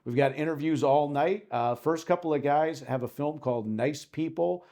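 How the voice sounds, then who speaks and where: A man's voice: on the high side, normal speed, dark tone. Upbeat man hosting an interview show. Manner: upbeat, chatty, frequent fillers. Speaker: host. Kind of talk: casual interview.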